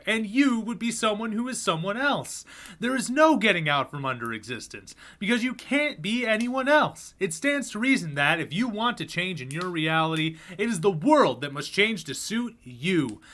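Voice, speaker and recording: A slick salesman-announcer, put on by a man reading aloud, pitches his wares in a loud, emphatic voice that leans on the key phrases. The tone is bright and forward, pitched a little high, with words drawn out for effect. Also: exaggerated voice. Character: slick booming male salesman-announcer pitching a strange book.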